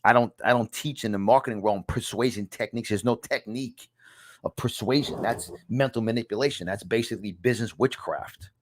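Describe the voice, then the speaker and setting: A man in his fifties with a New York accent, whose voice is on the low side, gives an emphatic motivational lesson about success to camera. He's a success coach filming in a small home studio, repeating phrases to make them stick.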